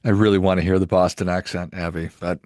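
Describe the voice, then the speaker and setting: A man hosting a podcast interview, affirming his guest and wrapping up with smooth outro patter. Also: deep voice, flat delivery, fast talker, a little mellow, no room sound, studio quality. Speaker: podcast host.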